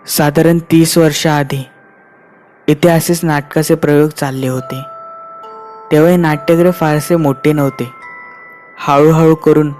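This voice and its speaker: A man's voice: fairly high pitch, a little mellow, natural voice. A man voicing a frightened middle-aged man, the theatre owner's son, who is confessing an old secret. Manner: pleading then confessing.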